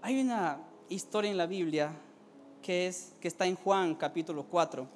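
A male pastor preaches a sermon in a strikingly high voice. He is fervent, climbs into shouted exclamations and often trips over and repeats his words. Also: moderate pace, soft background music.

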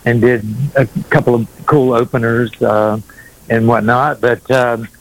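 A man's voice: medium pitch, flat delivery, measured pace, rough recording. A middle-aged man from North Carolina, telling his story in a rambling, hesitant way as an interview guest. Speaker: singer-songwriter, interview guest.

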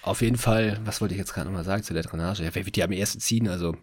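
Young male co-host, husky voice, laughing anecdotal chat. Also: low voice, racing. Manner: lively storyteller who laughs often. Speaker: podcast co-host, medical student. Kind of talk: casual chat, telling anecdotes.

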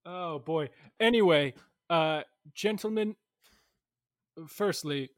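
A man's voice: fairly high pitch, slow, no room sound, clean studio sound. A man playing a flustered, exasperated customer in an improv comedy scene. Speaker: improv performer.

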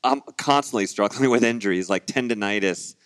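A woman's voice: very deep voice, fairly quick. A woman interviewing a guest in casual chat. She asks short, chatty follow-up questions.

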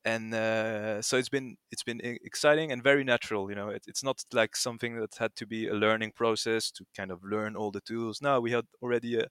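Bright, smooth-voiced young French man. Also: lowish voice, steady tone, a little fast, hardly any pauses, no echo, studio quality. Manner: rambling, many fillers and restarts. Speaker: guest, project founder. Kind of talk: casual podcast interview.

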